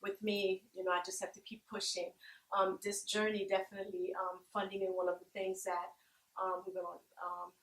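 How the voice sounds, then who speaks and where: Earnest Haitian-born woman, halting speech. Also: medium pitch, flat delivery, fairly bright tone. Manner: earnest, halting, many fillers. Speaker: charity founder. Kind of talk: interview answers. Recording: echoey room.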